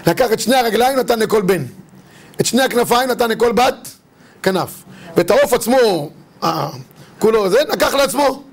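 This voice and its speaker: High gravelly husky man teaching. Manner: lively storyteller, acts out the characters' lines. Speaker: rabbi teaching religious law. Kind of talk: religious lesson with humorous stories.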